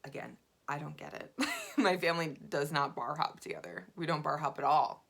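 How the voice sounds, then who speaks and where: A woman vlogger telling a dating story in a chatty, animated way, full of fillers. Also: deep voice, normal speed, gravelly. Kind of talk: casual dating storytelling to camera.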